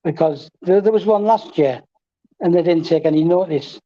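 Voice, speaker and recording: A relaxed, wry man chats on a football fan panel. His voice is a little high and mellow, and it comes through a dull, lo-fi connection. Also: normal speed. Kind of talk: casual fan chat. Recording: dull lo-fi audio.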